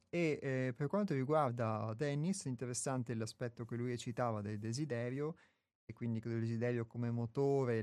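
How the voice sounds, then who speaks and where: A man's voice: mid-range voice, a little mellow, no echo. A man hosting a radio phone-in, speaking reflectively and off the cuff in tentative, roundabout phrases. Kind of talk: reflective spontaneous discussion on a talk show.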